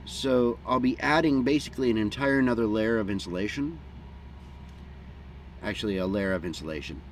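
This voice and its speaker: Folksy American pipe-smoking man, noisy outdoor recording. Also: lowish voice. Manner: unhurried, folksy, plain-spoken; talking with a pipe in his mouth between puffs. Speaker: vlogger. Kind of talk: casual rambling outdoor chat. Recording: clear background noise, outdoor hum.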